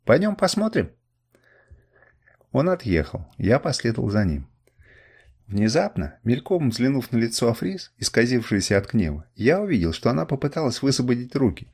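A man's voice: mid-range voice, very animated, brisk, darkish tone, breathy edge. A man reading a first-person adventure novel aloud as audiobook narration, telling it expressively. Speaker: audiobook reader.

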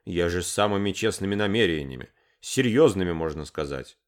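A man's voice: low voice, expressive, brisk. A man reading the part of a gangly young man who is hesitant and earnest as he makes his case. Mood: awkward, earnest.

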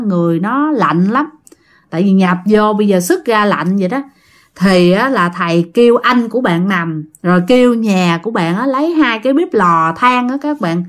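A woman telling listener-sent ghost stories as a channel host, chatty and often talking straight to her audience. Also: mid-range voice. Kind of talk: told ghost story narration.

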